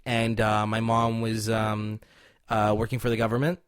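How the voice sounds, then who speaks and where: A man in his twenties talking as a podcast guest in casual chat, animated and profane, full of "dude" and "like". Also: fairly low pitch, normal speed, clean tone, no room sound, studio quality. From Canada. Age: 20s.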